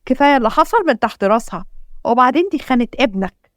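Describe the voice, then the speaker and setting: A woman's voice: fairly high pitch, expressive, fast talker, no echo, clean studio sound, close to an everyday voice. A woman with an Egyptian accent reading the lines of a cruel, scornful wealthy aunt. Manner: contemptuous.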